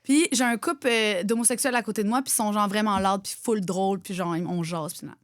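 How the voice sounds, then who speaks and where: A woman's voice: medium pitch, brisk, no room sound, clean studio sound. A woman in her twenties with a Québécois accent, telling a story in casual podcast chat and acting out the voices of the people in it. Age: 20s. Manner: animated, acts out quoted voices. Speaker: podcast co-host.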